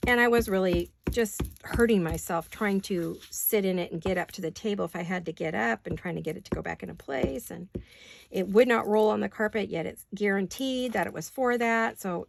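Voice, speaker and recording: A middle-aged craft vlogger rambles chattily as she works on paper crafts in her home studio, poking fun at herself along the way. Her mid-range voice is creaky and moves at a moderate pace. There's slight background noise.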